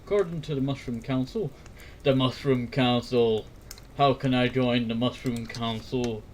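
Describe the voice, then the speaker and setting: In a casual, homemade talk with clear noise in the recording, a mid-pitched man with a darkish tone rambles at a measured pace. He hosts a fireside talk series, meandering through repeated words and tag phrases and sometimes reading aloud.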